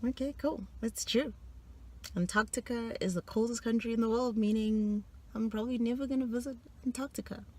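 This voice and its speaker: This vlogger has a slightly high, somewhat mellow voice and a brisk pace. She's testing herself with a quiz for her video, chatting lightly, teasing herself and frequently breaking into laughter between answers.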